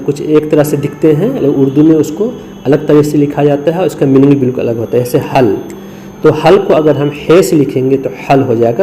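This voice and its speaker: The audio is poor and has some hiss or hum, but the man's voice is warm and fairly high. He's from India and is teaching Urdu script in a screen lesson, patiently spelling each letter by syllable while mixing in English.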